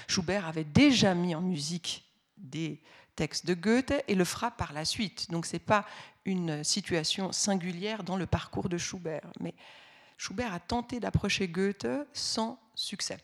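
Hesitant French woman lecturing on music. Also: lowish voice. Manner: explains patiently, with frequent hesitations and restarts; reads the ballad aloud with expressive voices. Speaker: music teacher. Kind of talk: spoken lecture.

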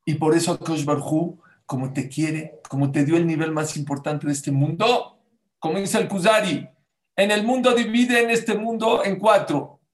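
A man's voice: on the high side, normal speed. A man preaching a sermon with a somewhat raised voice. He tells stories with animation and plays the people he quotes. He keeps checking in with his listeners through direct questions. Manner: storytelling, animated, acts out quotes; addresses audience with questions. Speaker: rabbi. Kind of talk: Torah sermon.

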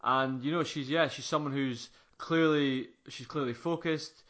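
Sports podcast interviewer: man, medium pitch, hesitant but encouraging delivery, slightly dull recording. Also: steady tone, unhurried, a bit bright. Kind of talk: conversational sports podcast presenting.

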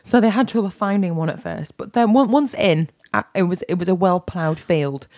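A woman's voice: on the low side, moderate pace, a little mellow, no echo. A woman, co-hosting a casual podcast chat and teasing her co-host with dry wit.

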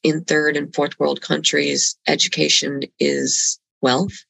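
A woman raised in Colombia, a guest in a reflective conversation, speaking earnestly and haltingly with restarts over a video call. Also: sits low, level tone, creaky, fairly bright tone, breathy edge, dry recording, poor audio.

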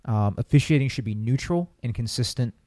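Dude talking sports on a podcast, earnest, keeps restarting, dark voice. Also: male voice, medium pitch, brisk, no room sound, clean studio sound. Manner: earnest, opinionated, many restarts. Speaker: podcast co-host. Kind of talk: casual sports chat.

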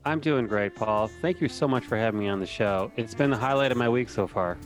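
A man who is a guest on his brothers' podcast, answering in a mock-formal, deadpan way. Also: mid-range voice, a little fast, faint music behind. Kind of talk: casual chat among brothers.

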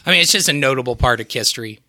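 A man's voice: mid-range voice, animated, very fast, sharp tone, no room sound. A man co-hosting a podcast, chatting loosely about a rock band, rambling and swearing as he works from his notes. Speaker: podcast co-host. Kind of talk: casual chat about music.

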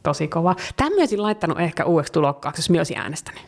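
A woman with a gravelly, fry-laden voice co-hosts a casual chat. She talks in a lively, easygoing way and drops English phrases into her speech. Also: deep voice. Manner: lively, mixes English phrases, laughs often. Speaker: podcast co-host.

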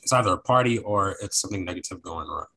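A man's voice: low voice, fast talker, pushed and bright, a little hiss or hum, low-quality recording. A young man talking casually on a podcast, rambling and repeating phrases as he searches for words.

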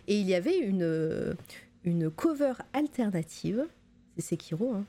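A woman's voice: medium pitch, sing-song, a little slow, dark tone. A woman hosting a live stream in a casual, chatty way, with many fillers and little giggles. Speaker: stream host.

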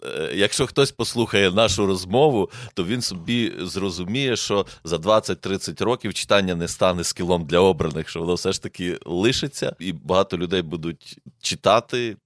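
A man hosting a podcast conversation, speaking in a measured, reflective way. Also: sits low, dry recording, clean studio sound. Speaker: podcast host.

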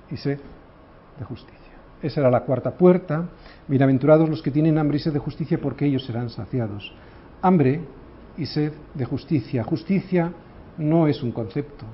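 A man preaching a sermon, asking rhetorical questions and swinging between loud emphasis and soft, low phrases. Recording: dull lo-fi recording.

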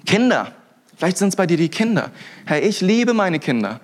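A man's voice: high voice, normal speed. A young man giving a sermon as a pastor, talking casually and energetically, with frequent restarts and interjections. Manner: lively, colloquial, with frequent "hey" and restarts.

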